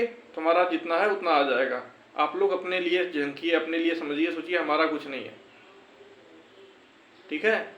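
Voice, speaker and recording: Earnest and reassuring, a young exam-prep vlogger from India delivers a casual pep talk, circling back to phrases to drive them home. His voice runs on the high side and a bit bright, heard in an echoey room with faint noise behind it.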